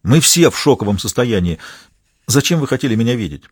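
A man's voice: medium pitch, very animated, brisk, husky, dry recording, clean studio sound. A man voicing a sullen, curt master of the house. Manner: gloomy, curt, firm.

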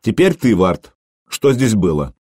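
A man voicing a stern young prince who gives slow, authoritative orders. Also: lowish voice, sing-song, dark tone, husky, no echo, clean studio sound, heavily acted.

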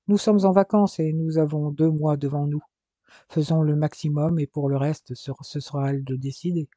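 A man voicing a loving husband in an audiobook, gently comforting his wife. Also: fairly high pitch, steady tone, moderate pace, no room sound, natural voice. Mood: calm. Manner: gentle, reassuring.

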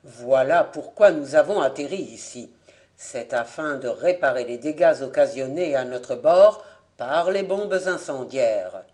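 A reader voicing a proud, indignant middle-aged Frenchman, speaking forcefully in a slightly lower, louder voice. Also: lively intonation, a little slow, natural voice. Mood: explaining. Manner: forceful, declaiming.

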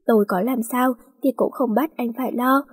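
A woman's voice: fairly high pitch, steady tone, moderate pace, husky, no room sound. A woman voicing a stubborn, jealous young woman who answers in curt retorts. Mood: upset. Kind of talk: storybook reading.

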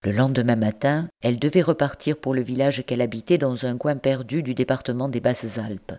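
A woman narrating a novel as an audiobook reader, in measured, even storytelling. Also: a bass voice.

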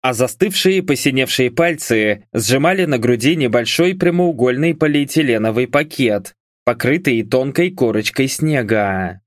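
Man, audiobook narrator, first person, wry, expressive pitch, dry close recording. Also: moderate pace, no room sound.

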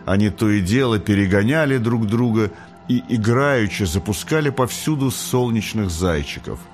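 A man reading an audiobook in a measured storytelling manner. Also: fairly low pitch, animated, soft background music. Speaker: audiobook narrator. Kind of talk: scripted narration.

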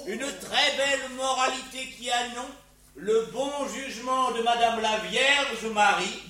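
Hammy high-pitched pompous playwright. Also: male voice, a little slow, sharp tone, full character voice. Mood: grandiloquent. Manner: hammy theatrical declaiming. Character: pompous male playwright addressing a rowdy crowd. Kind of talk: stage-style costume drama declamation. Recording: roomy echo, distant, crowd behind.

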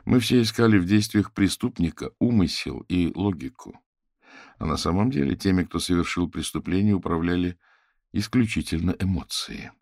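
A man voicing a measured, authoritative investigator. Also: sits low, expressive, creaky, darkish tone, no room sound, clean studio sound, full character voice. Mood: explaining. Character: composed middle-aged male investigator. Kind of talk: audiobook character reading.

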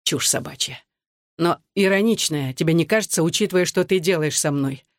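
A reader voicing an anguished, bitter soldier husband who speaks low and clipped through gritted teeth, in an audiobook. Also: male voice, fairly quick, no echo, clean studio sound, natural voice. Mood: scornful. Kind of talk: audiobook dialogue.

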